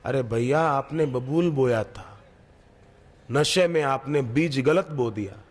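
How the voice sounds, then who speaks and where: A man's voice: medium pitch, slow pace, long reverb tail. A man preaching a devotional sermon, telling stories and driving his points home through repetition. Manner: storytelling, emphatic repetition. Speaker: spiritual preacher.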